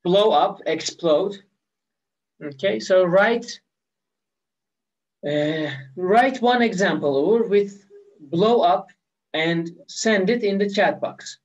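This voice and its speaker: High-voiced, slow Persian-accented man teaching. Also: lo-fi sound. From Iran. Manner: patient, repeats key words slowly. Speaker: English teacher. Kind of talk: live online lesson.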